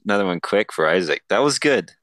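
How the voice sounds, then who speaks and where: A man's voice: on the low side, animated, quick pace, a bit bright, no room sound. A man on a casual podcast who runs a word game, playful and laughing, with hesitant fillers. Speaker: guest running a word game.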